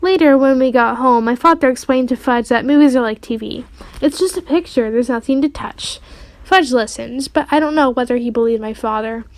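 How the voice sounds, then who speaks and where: A woman reading a children's chapter book aloud with expressive storytelling. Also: fairly high pitch, no echo. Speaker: audiobook reader.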